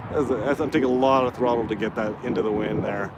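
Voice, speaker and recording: A man with a medium-pitched voice talks casually while flying a model plane. His delivery is hesitant and rambling, with trailing pauses. Clear wind and outdoor motor noise sit behind him. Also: steady tone, lo-fi sound. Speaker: radio-control plane vlogger. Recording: noisy windy outdoor recording with vehicle sound.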